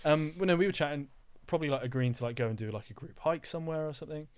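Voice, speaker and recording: A man co-hosting a podcast, telling a story in relaxed casual chat with dry humor. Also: a little high, rapid-fire, clear, resonant tone. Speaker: podcast co-host.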